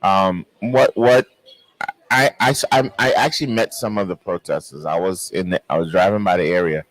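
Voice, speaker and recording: A man co-hosting a casual panel talk show, speaking haltingly with many restarts and fillers. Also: deep voice, rough recording. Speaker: co-host.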